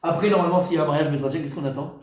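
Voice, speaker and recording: A man leads a class as a rabbi, asking the room questions and answering them himself. His voice sits fairly high. The sound rings in an echoey room. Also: fairly even intonation, rapid-fire, darkish tone. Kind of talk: lively classroom teaching.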